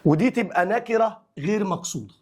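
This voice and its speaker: A young adult man with an Egyptian accent teaching an Arabic grammar lesson. He drawls the example phrases slowly and then explains them briskly in colloquial speech. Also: sits high, lively intonation, darkish tone, a little hiss or hum.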